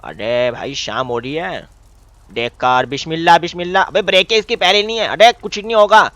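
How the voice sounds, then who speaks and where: A man streaming a game role-play, loud and bossy, teasing and shouting at his friends. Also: on the high side, normal speed, dry recording, lo-fi sound.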